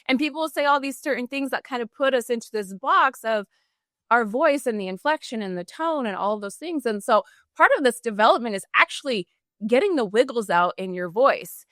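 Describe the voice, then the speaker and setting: Woman coach on a podcast, bright and lively, quite high, dead dry. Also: no room sound. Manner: enthusiastic, coaching tone with quick acted examples. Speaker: podcast guest, customer service trainer. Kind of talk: energetic interview answers.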